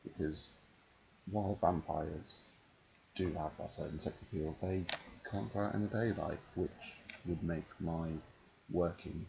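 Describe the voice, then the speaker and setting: A low, creaky male voice with a London-softened northern English accent. He talks casually and hesitantly, with dry deadpan humour. The recording is dull, with clear noise behind him. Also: a little slow. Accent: English, London-softened with slight northern touches. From northern England. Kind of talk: casual answers to an accent questionnaire. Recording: dull, noisy home recording.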